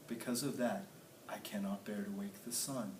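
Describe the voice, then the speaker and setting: Man as a low, subdued grieving mother owl. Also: fairly even intonation, moderate pace, darkish tone, close to an everyday voice. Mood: sorrowful. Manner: subdued, sorrowful. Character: grieving mother owl, weary, unwilling to act. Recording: roomy, distant mic, faint noise.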